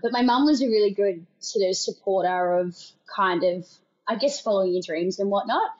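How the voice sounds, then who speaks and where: A woman's voice: mid-range voice, moderate pace, darkish tone, lo-fi sound. A young Australian woman from Queensland, a guest on a podcast, chatting casually and laughing often. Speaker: guest, nurse. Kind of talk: casual interview chat.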